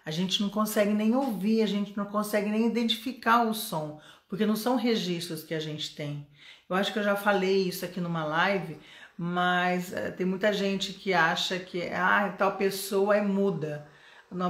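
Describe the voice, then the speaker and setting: Chatty woman teacher, roomy echo. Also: fairly low pitch. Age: middle-aged. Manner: chatty, coaxing, asks the viewer questions, tag questions. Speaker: English teacher. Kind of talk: live online lesson.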